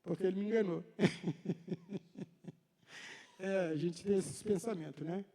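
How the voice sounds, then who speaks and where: A man's voice: high-pitched, takes it slowly, mellow, slightly rough, in a large hall. A man preaching a sermon, telling a personal story in a conversational way and acting out the dialogue. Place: church hall.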